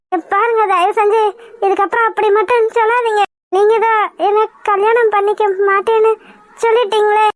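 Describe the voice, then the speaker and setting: A woman voicing a young lovesick village woman in a cartoon, with a high, squeaky, weepy voice. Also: flat delivery, fairly quick, no echo. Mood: hurt. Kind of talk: cartoon voice acting.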